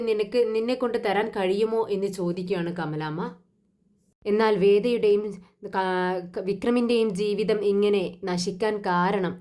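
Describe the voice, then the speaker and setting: A woman's voice: mid-range voice, a little mellow. A woman narrating a TV serial recap in a casual voice-over, retelling scenes with frequent restarts.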